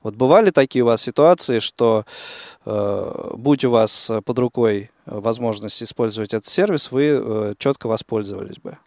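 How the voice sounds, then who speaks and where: A man's voice: fairly low pitch, normal speed, darkish tone, no room sound, clean studio sound. A man hosting a live call-in show, chatting and asking questions in stop-and-start phrases. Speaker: radio host.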